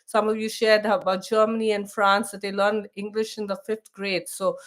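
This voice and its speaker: A chatty Indian woman hosts a casual live stream for expats, speaking at normal speed in a medium-pitched voice with flat delivery. She restarts often and reads text aloud.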